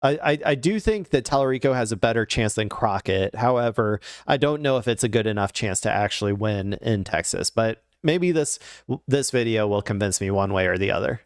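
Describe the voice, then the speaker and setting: A man's voice: fairly low pitch, expressive, a little fast, hardly any pauses, clear, resonant tone, no echo, studio quality. A man commenting casually on political news clips, rambling with frequent fillers and restarts.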